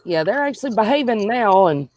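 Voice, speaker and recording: A woman's voice: mid-range voice, lively intonation, brisk, a little mellow, no echo. A woman from South Carolina with a Southern accent, chatting and telling stories on a livestream call. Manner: chatty, laughing storyteller. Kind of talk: casual chat on a livestream.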